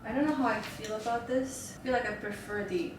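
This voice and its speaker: A woman, thinking aloud in a relaxed, chatty way as she vlogs from her apartment. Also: a little high, a little fast, over loud music. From Nepal. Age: 30s. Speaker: vlogger. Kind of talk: casual vlog narration. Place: apartment, indoors. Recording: roomy apartment echo.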